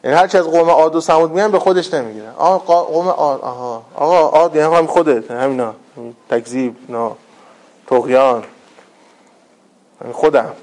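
A man preaching in a relaxed, conversational way, his voice sitting a little high for a man. He slips into other people's voices when he quotes them and pushes his delivery harder as he builds a point. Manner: conversational, acts out quoted voices with rising intensity. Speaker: religious speaker. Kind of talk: colloquial religious talk.

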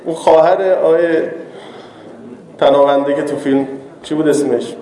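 High-voiced man preaching in an echoey hall. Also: mellow. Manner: conversational, teasing, banters with the audience. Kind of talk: informal sermon. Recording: echoey hall with long reverb.

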